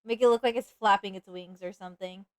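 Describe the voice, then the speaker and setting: A woman's voice: mid-range voice, fairly even intonation, quick pace, darkish tone, no echo. A woman streaming live as a VTuber, chatting casually and playfully while she animates, with sudden dramatic outbursts.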